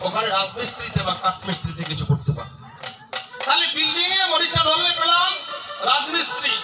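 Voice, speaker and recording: A man, a folk singer, telling jokes and quizzing a live audience in a chatty way before he sings. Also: extremely high pitch. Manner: chatty, calls the audience "baba", quizzes them. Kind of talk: joking stage storytelling to a live crowd. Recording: echoey stage sound from far off, music behind.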